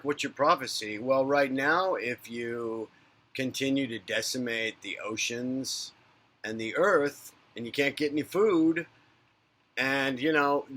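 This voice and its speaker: A big-city psychic medium and spiritual talk host addresses his viewers directly in an unscripted monologue, his medium-pitched voice bright and forceful. He rambles candidly and swears freely, climbing into loud rants before sinking to soft murmurs.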